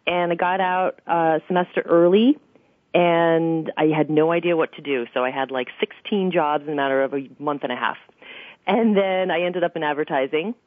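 A woman's voice: deep voice, normal speed, dry recording. Middle-aged woman, radio guest telling her story, narrow telephone sound, very dry. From Queens, New York City. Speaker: real estate broker, interview guest. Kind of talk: conversational radio interview. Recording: muffled phone-like radio line.

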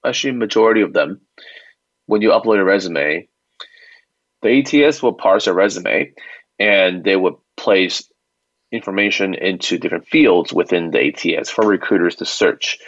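Being interviewed as an expert, this company founder walks through his explanations step by step in a conversational way, pausing to check in. His voice sits low, and the lo-fi recording is muffled and dry with no echo.

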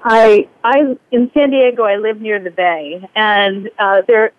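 A woman's voice: medium pitch, steady tone, a little slow, no echo. Woman caller over a tinny phone line. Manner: hesitant, restarts and repeats words. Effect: thin clipped phone line. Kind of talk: casual call-in chat.

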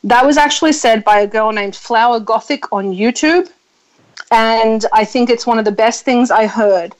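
A woman in her thirties with a fairly high voice, hosting a loose, casual chat. She talks bluntly and freely, swears without hesitation and leans on lots of ums as she goes. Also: moderate pace, rough recording. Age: 30s. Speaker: podcast host.

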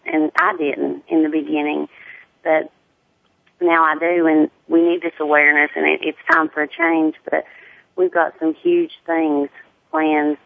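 Southern lady w a deep southern drawl, kinda gravelly, chatting on a tinny phone line. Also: dry recording. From Tennessee. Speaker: guest, sickle cell awareness advocate. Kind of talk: casual interview talk. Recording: muffled narrow phone-like line.

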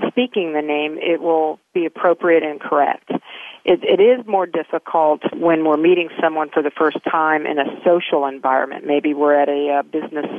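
A woman guest explaining business etiquette in a measured, explanatory way, heard over a tinny phone line. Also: low voice, no room sound. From United States.

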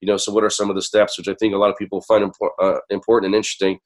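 An American man hosts a radio show in a conversational monologue. He is sick, and his voice is hoarse and keeps cracking. He carries on talking to his listeners as if nearly out of voice. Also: lowish voice, flat delivery, very fast.

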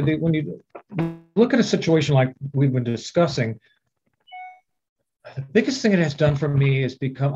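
Husky-voiced reflective man. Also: medium pitch, darkish tone, highs cut off. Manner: reflective and measured. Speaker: veteran guest. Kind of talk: podcast interview.

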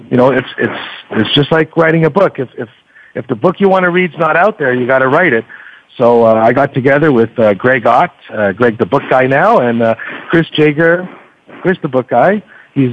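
A man with a mid-range voice, heard in lo-fi sound, appears as a podcaster guest in a casual interview. He tells anecdotes in a chatty, hesitant, conversational way.

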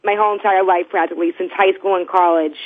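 A woman's voice: on the low side, fairly even intonation, quick pace. A woman calling in over the phone, speaking as a heartfelt, earnest fan. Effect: voice heard over the phone. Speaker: caller to a live show. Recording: tinny phone line.

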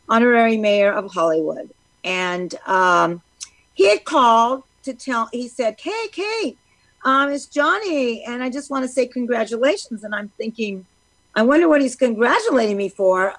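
Woman, talk show guest, fairly high voice, dry close sound, lots of ums and uhs. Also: dry recording, low-quality recording. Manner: animated storyteller with many fillers.

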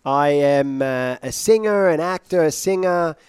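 A man's voice: fairly high pitch, unhurried, a little mellow, clear, resonant tone, dry recording. A man talks as a guest on a radio interview, joking and playful. He is from Iraq and works as a singer. The sound is close and dry. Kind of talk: interview conversation.

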